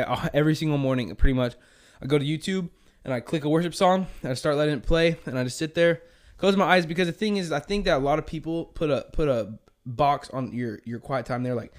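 A man's voice: fairly high pitch, fast talker. A young man hosting a casual faith chat, rambling and saying "dude" a lot. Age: young adult. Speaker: podcast host.

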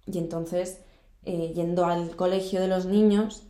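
A woman's voice: fairly low pitch, flat delivery, measured pace, warm tone. Young woman, echoey room. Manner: earnest, emphatic, repeats words for stress. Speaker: guest recounting backpacking travels. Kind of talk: casual storytelling chat. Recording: roomy echo.

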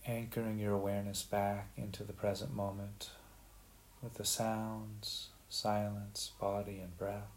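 A man with a lowish voice guides a meditation at a very slow pace. His delivery is gentle and unhurried, with long pauses between phrases. A faint hiss runs behind the recording. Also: little pitch movement.

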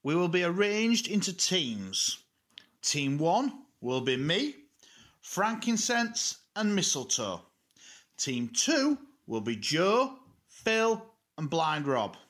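An actor playing a self-important military elf leader giving deliberate briefings in an audio drama. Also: male voice, sits high, sing-song, fairly bright tone, full character voice. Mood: officious.

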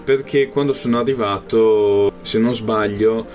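Low-voiced man, hesitant in casual interview. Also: steady tone, a little slow, darkish tone, soft background music. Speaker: interviewed tabletop role-playing player and game master.

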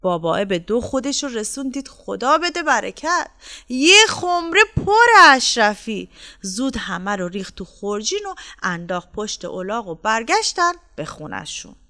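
A woman narrating a folk tale as a storyteller, in a lively, expressive way. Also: mid-range voice.

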